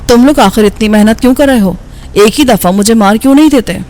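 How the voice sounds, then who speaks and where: A woman's voice: fairly high pitch, darkish tone, natural voice. A woman voicing a wounded, defiant male assassin in an audiobook, speaking weakly and with bitter sarcasm. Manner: weak, bitter and mocking.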